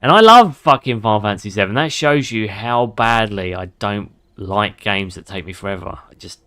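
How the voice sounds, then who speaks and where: A man streaming a game and chatting away in a somewhat low voice. He swears freely and laughs often as he talks with his viewers. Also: lively intonation, normal speed, fairly bright tone. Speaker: gaming streamer. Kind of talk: casual gameplay commentary.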